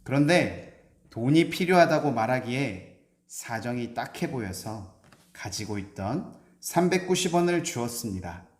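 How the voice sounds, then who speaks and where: A man voicing a calm, unflappable older male scholar who speaks in measured tones. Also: medium pitch, roomy sound, lightly acted.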